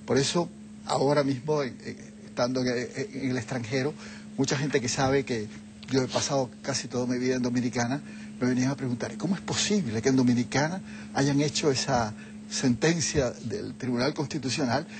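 A man's voice: mid-range voice, fairly quick, background noise. An older man, a guest in a TV studio interview, explaining things reflectively into a lapel mic. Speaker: guest, Jesuit leader. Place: TV studio set, seated on a sofa.

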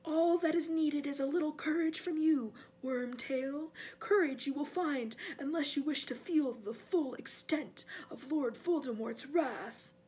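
A woman voicing a cold, menacing, weakened male dark lord in an audiobook, imperious and deliberate, sometimes sinking to a breathy hiss. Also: high voice, pitched above the performer's own voice. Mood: cold, threatening. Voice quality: breathy, hissing whisper at times.

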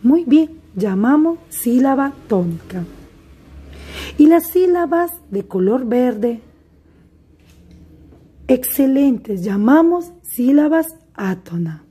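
Slow husky woman teaching a class. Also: high voice, big pitch swings, dark tone. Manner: slow, deliberate, addresses pupils directly. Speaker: primary school teacher. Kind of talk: recorded remote class lesson.

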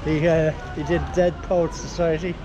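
An older man from Dublin with a Dublin Irish accent, rambling in halting casual talk with a stranger on the street. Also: on the high side, little pitch movement, over music. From Ireland, Dublin. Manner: rambling, halting, repeats words. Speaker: passer-by. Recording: loud traffic noise, dull sound, outdoor street.

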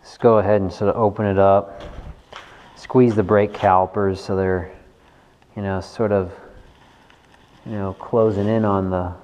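A bike mechanic host speaks a little slowly in a lowish, darkish voice with flat delivery and frequent pauses. Thinking aloud, he gives a casual hands-on tutorial inside a large wooden workshop garage. The recording, from an action camera worn on his body, is echoey with noticeable noise.

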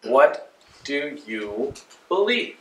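A man's voice: medium pitch, extremely slow. A man in his forties preaching a sermon from a pulpit in a small church, talking in a loose, conversational way. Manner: conversational, animated with hand gestures. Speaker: pastor. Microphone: far camera. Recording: roomy church echo, mic at a distance.

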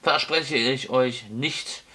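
A man voicing an ancient, toothless male wizard in an audiobook, booming, rambling and giggly. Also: slow pace, sharp tone, husky, heavily acted. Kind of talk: audiobook character voice.

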